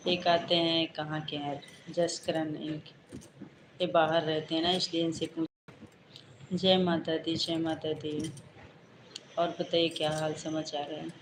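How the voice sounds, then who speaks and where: A woman chats casually with her livestream viewers, greeting each by name and replying to their comments. Her voice sits low and stays fairly level. The sound is echoey, with steady background noise. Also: measured pace, long pauses. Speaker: livestream host. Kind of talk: casual live chat with viewers.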